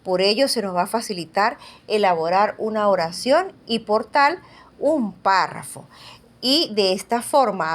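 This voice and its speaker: A woman teacher giving a recorded lecture, explaining step by step in a patient way and often checking in with the listeners. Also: medium pitch.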